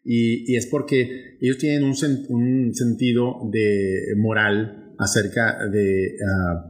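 A young man with a northern Mexican accent co-hosts a podcast, talking casually and rambling with many restarts. His mid-range voice is flat in delivery and slow.

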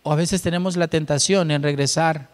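A man with a notably high voice delivers a sermon, moving from steady scripture reading to emphatic, rising exclamations. His words ring out with a long reverb, as if recorded in a large church hall. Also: brisk. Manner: reads scripture then preaches, rising emphatically on key phrases. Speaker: pastor.

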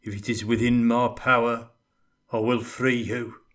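A man doing a rasping grim dwarf warrior. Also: medium pitch, level tone, unhurried, fairly bright tone, natural voice. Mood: grave. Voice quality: rasping, gravelly. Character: grim male dwarf warrior, gruff and stern.

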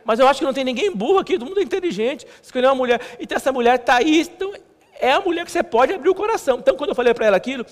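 A male pastor preaching a sermon in a halting, conversational way, repeating words and poking fun at himself. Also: very high-pitched, expressive. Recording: long church hall reverb.

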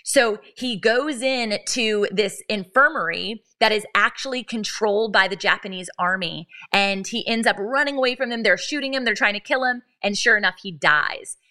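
A woman in her thirties hosts a faith podcast over a live stream on a podcast microphone, telling a story earnestly and animatedly while restarting her sentences. Her mid-range voice is bright and forceful, at normal speed with hardly any pauses.

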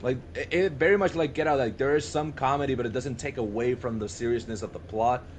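In a casual, excited conversation among friends, a young male podcast co-host speaks fast at a medium pitch. He frequently breaks off and repeats himself mid-thought over slight background noise.

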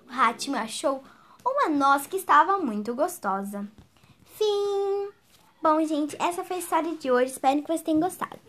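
Brief: female storyteller, gentle sing-song read-aloud, high-pitched. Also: animated, moderate pace.

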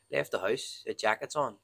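A man's voice: medium pitch, creaky, sharp tone, husky. A man with a Belfast accent, co-hosting a podcast in easygoing, chatty talk, laughing often and calling people mate. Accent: Northern Irish, Belfast. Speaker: podcast co-host. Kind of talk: casual chat.

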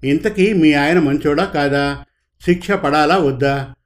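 A calm, wise judge settles a quarrelling couple's case in a storybook reading, voiced by a man. He speaks in an unhurried, measured way, with a slightly raised pitch. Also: close to an everyday voice. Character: calm, wise male judge, mildly exasperated.

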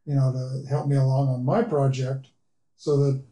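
A man's voice: mid-range voice, little pitch movement, normal speed, mellow. A man speaking as a guest on a casual interview podcast, rambling with lots of fillers. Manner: rambling, lots of "uh" and "you know". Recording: roomy echo.

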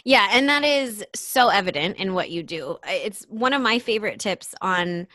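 Young female podcast host, loose and chatty, filler-heavy, medium pitch. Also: animated, normal speed, bright, forceful tone, no echo, clean studio sound. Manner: chatty, lots of "like" fillers, laughs often. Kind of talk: casual chat.

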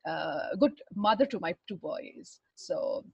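A middle-aged woman from Bihar with an educated Indian accent, telling her life story in a halting, reflective way, searching for words. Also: on the low side, animated, gravelly, breathy edge, dry recording, highs cut off. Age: 40s or older. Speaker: interview guest, runner and fitness trainer. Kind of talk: personal life story in conversation.

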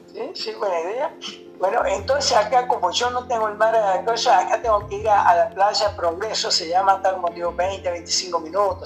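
A man's voice: high-pitched, a bit bright, low-quality recording. Rambling older Argentine man. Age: 70s. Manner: rambling, many fillers and tag questions. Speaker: radio guest. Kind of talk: casual radio interview.

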